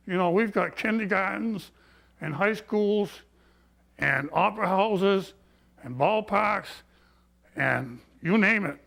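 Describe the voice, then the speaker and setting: A man's voice: high voice, vocal fry, a bit bright. An older man, short of breath, telling his grievances as a barber in a folksy, plain-spoken, indignant way. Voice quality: breathless from COPD. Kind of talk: personal storytelling, complaint.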